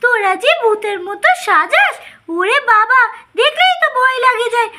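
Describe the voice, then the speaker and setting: A woman's voice: extremely high pitch, expressive, normal speed, heavy background noise. A woman voicing chattering, pleading little girls in a doll play story, with a singsong, playful way of talking. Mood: bossy.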